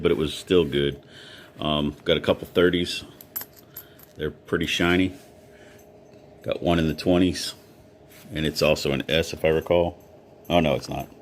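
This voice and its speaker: A man's voice: a bass voice, a little hiss or hum. A man chatting casually in a hobby vlog as he sorts coins and reads off their dates one after another. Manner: easygoing, talks while sorting, lists coin dates. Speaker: coin collector vlogger.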